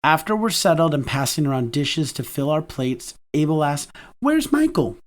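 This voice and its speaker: A man narrating a first-person romance audiobook in a warm, conversational manner. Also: on the high side, moderate pace.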